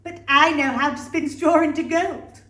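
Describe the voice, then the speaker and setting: A woman's voice: high voice, moderate pace, a bit bright. A woman playing a peculiar little old magic man in a rhyming pantomime, coy and theatrical. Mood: boastful. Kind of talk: rhyming amateur pantomime acting. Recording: echoey room, distant microphone.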